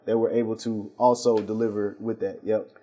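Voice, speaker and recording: A man's voice: lowish voice, little pitch movement, moderate pace, warm tone. A man, a pharmacy owner, explaining his services as a guest on a TV interview show, earnest and full of fillers and restarts. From St. Louis area.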